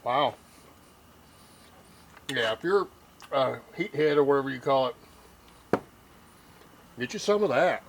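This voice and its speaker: An older man, taste-testing a hot barbecue sauce on his cooking vlog, teary and sniffling from the heat, with slow, drawn-out hums and sighs. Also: mid-range voice, animated, slight background noise. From Texas. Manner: slow, drawn-out reactions to spicy food with many hums and sighs. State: teary, nose running from the heat. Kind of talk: casual taste-test reaction.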